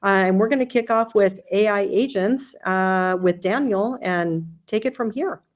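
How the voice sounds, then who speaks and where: A woman's voice: medium pitch, measured pace. A woman opens an online user group meeting. She speaks casually and invitingly, with plenty of ums and uhs. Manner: friendly, welcoming, with fillers. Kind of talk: casual webinar hosting.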